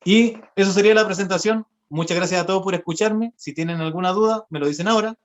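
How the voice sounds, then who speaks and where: A man's voice: sits high, fast. A young man, a voice therapist and singer, patiently explaining vocal exercises step by step in an online lesson. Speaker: voice therapist and singer giving a workshop. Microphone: video call. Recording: dull lo-fi video call audio.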